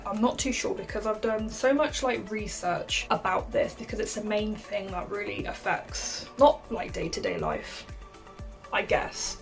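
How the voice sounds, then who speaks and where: A young woman, telling a story to camera in a chatty way, saying "like" a lot and laughing often. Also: mid-range voice. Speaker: vlogger.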